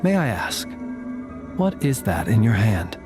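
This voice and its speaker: A man voicing a courteous, enigmatic gentleman watchman in a video game, formal and wry. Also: fairly low pitch, very animated, unhurried. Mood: probing. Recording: music under the voice.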